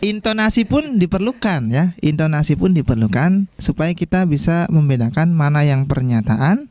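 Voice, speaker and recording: A man teaches an online Arabic lesson for beginners, his voice moving up and down as he encourages the class. His tone is mellow and dark. The sound is dry and close. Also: on the high side, animated, moderate pace, dry recording. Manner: encouraging, frequent "ya" tags.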